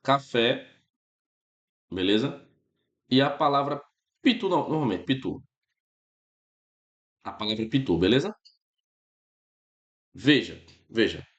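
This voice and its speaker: A man with a Brazilian Portuguese accent gives a relaxed, casual grammar lesson and keeps checking in with his students. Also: medium pitch, unhurried, pauses often, roomy sound, muffled recording. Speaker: teacher.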